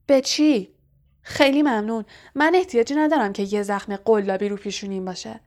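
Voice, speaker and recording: A smug, taunting schoolboy bully from a storybook, put on by a woman reading aloud. His mockery comes in a voice pitched fairly high, with raised loud bursts when he calls out to the crowd. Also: steady tone, natural voice. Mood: sneering. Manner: mocking, taunting. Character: sneering arrogant schoolboy bully.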